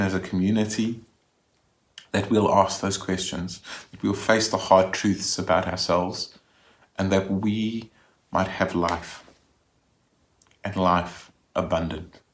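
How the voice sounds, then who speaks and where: A man's voice: low-pitched, steady tone, unhurried. A man giving a Sunday reflection as a minister, speaking conversationally and often restarting his sentences.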